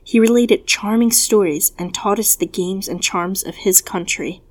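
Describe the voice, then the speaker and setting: A woman's voice: medium pitch, moderate pace. Woman reading an old-fashioned story. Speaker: narrator.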